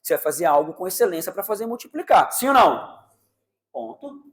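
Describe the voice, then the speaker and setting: The Brazilian man's voice sits high as he preaches with energy, peppering the congregation with rhetorical questions and acting out parents and children in brief asides.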